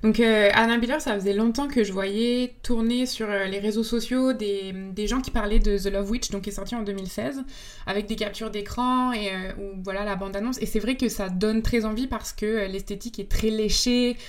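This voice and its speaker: A woman's voice: mid-range voice, steady tone, normal speed. Young woman guest, enthusiastic and reflective, picks her words as she goes, mid-range voice. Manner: thoughtful, searching for words, enthusiastic. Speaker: podcast guest, comics author and film student. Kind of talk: casual interview talk.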